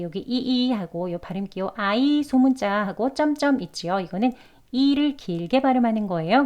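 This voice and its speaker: A woman teaching English pronunciation, sounding out each syllable slowly and carefully as she explains it. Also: medium pitch. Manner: slow, careful demonstration of sounds. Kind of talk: pronunciation lesson. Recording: dull lo-fi recording.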